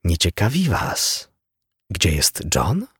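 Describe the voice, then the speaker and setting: A man voicing a smug male murder suspect who taunts the detective in a cool, unhurried, mocking way. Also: low voice, wildly swooping pitch, a bit bright, breathy edge, no echo, clean studio sound, exaggerated voice. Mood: sly. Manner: mocking, unhurried, coolly polite.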